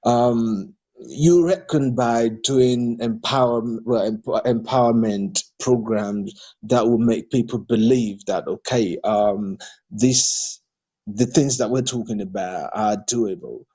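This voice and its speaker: Replying to a participant in an audio discussion, a man from Nigeria speaks on behalf of a political party in a medium-pitched, mellow, husky voice at a slow pace. Many fillers and restarts make him sound hesitant, yet he becomes emphatic once he criticises politicians.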